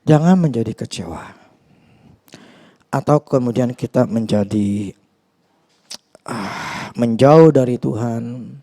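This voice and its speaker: A man's voice: medium pitch, slow pace, pauses often, dark tone. A male pastor giving a conversational, earnest sermon, often hesitating and restarting with fillers. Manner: earnest, confessional.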